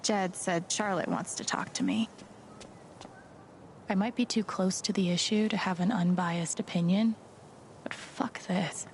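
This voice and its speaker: A woman's voice: mid-range voice, steady tone, normal speed, slight background noise, lightly acted. A woman acting a kind, self-doubting young woman in a video game, musing hesitantly. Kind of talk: video game dialogue and inner monologue.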